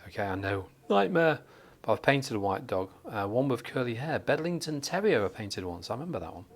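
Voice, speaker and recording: A man's voice: mid-range voice, big pitch swings, brisk. A man from northern England giving a live watercolour tutorial, chatting and joking as he thinks aloud while painting at a desk under studio lights.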